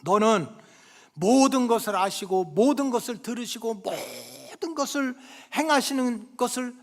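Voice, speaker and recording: A male pastor preaching a Sunday sermon, acting out scolding parents and squabbling children, swinging between loud emphasis and near-whispered asides. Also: very high voice, very animated, a little slow, creaky. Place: church sanctuary. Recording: long hall reverb from the church.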